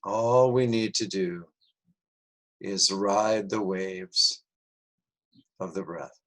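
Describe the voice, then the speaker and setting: Male meditation guide, low voice, very slow, soft and soothing delivery.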